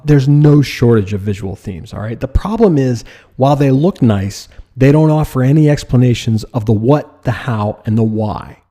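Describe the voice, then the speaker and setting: A man's voice: mid-range voice, warm tone. A man teaching design in a direct lecture style, asking rhetorical questions and using mild sarcasm. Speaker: design instructor.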